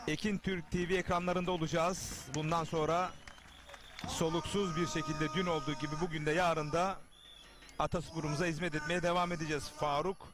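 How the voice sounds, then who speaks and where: A TV sports commentator and host calls live televised wrestling, speaking to viewers and reading their messages aloud in short, emphatic bursts. His voice is fairly high, his intonation fairly even, and his pace brisk.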